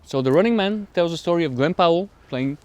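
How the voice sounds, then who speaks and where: A man co-hosting a podcast, retelling a plot in a halting, rambling way while strolling outdoors. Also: fairly high pitch, animated. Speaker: podcast co-host. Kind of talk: casual chat while walking.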